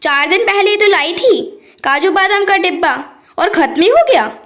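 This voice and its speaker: A woman's voice: very high voice, lively intonation, normal speed, a bit bright, voice pushed up. A woman voicing a stern, suspicious older mother-in-law who scolds her household in a storybook tale.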